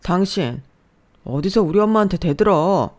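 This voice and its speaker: A domineering husband, read by a woman in a lowish voice. He speaks curtly and dismissively in this storybook story. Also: animated, moderate pace, darkish tone, lightly acted. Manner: curt, domineering. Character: bossy, dismissive husband, adult man.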